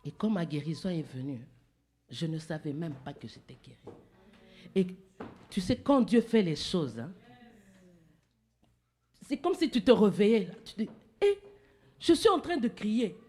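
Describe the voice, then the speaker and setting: Woman pastor preaching with loud bursts. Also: lowish voice, very animated, a little slow, long pauses, a little hiss or hum. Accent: French-speaking Central African. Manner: preaching with sudden loud exclamations and hushed asides. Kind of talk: sermon. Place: church.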